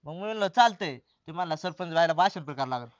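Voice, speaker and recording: A reassuring village helper, played by a man coaches. His voice is slightly high, and the sound is dry and somewhat dull. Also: lively intonation, quick pace, dry recording, natural voice. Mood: recounting.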